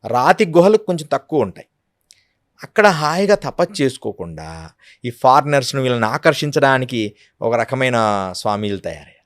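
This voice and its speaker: A man's voice: medium pitch, sing-song, moderate pace, pauses often, no room sound, studio quality. A man, a yogi guest speaking earnestly in an interview, often acting out quotes. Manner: earnest, storytelling with acted quotes. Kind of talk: devotional interview talk.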